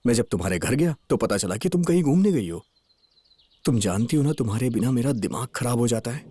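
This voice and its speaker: A man's voice: medium pitch, animated, a little fast, background noise, close to an everyday voice. A man dubbing a worried young lover. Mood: teasing. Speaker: dub actor. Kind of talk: Hindi film dubbing. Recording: film soundtrack with loud music.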